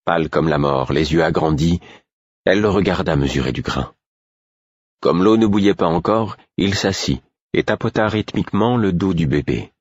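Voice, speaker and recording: A man narrating an audiobook in the first person, calm and measured. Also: low-pitched, breathy edge, no room sound, highs cut off.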